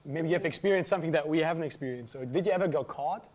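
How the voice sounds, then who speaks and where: A man's voice: fairly high pitch, racing, a little mellow. A man hosting a student TV magazine, chatty, interviewing a guest and introducing items, with stumbling restarts. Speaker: host and interviewer.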